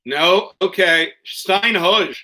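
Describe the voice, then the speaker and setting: A man's voice: high-pitched, extremely slow, sharp tone, poor audio. A man hosting an online quiz over a video call, reading questions and tossing in joking, profane asides. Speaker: quiz host.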